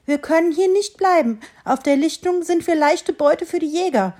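A woman's voice: extremely high pitch, animated, normal speed, darkish tone, pitched above the performer's own voice. A woman voicing a caring, anxious mother deer who urges her fawn on while reading a storybook aloud. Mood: urgent. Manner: urgent, protective.

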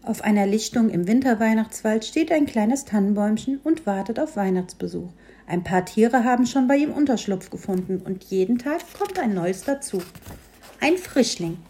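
A woman reads a children's story aloud, gentle and expressive. Her voice sits slightly high, with a soft, mellow color. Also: normal speed.

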